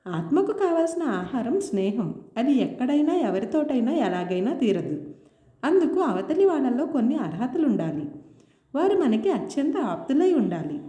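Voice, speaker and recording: A woman voicing a calm, idealistic young man who speaks at length in a reflective, earnest way. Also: high voice, normal speed. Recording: roomy, dull lo-fi sound.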